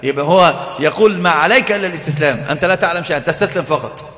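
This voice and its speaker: A man giving a religious lecture on a classical text, emphatic and quick, often asking the audience rhetorical questions. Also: a little high, a bit bright. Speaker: Islamic scholar teaching a text. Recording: echoey hall.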